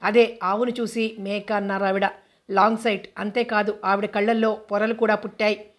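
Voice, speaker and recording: A woman's voice: mid-range voice, level tone, moderate pace, lightly acted. A woman reading the lines of a fussy, meddling man who insists with pleading urgency. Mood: insistent. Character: fussy meddling man fretting over eyesight.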